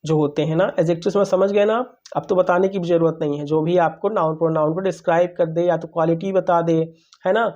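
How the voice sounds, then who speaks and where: A man's voice: on the high side, fairly even intonation, fast talker, darkish tone, muffled recording. A man teaching English grammar, who keeps asking questions and answering them himself and calls his listeners brother. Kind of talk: classroom-style grammar lesson.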